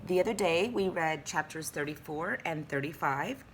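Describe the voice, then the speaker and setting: A woman's voice: low voice, expressive, moderate pace, a little hiss or hum. A young woman teacher reading a novel aloud and chatting about it in a playful, easily distracted way, recorded at home on a webcam.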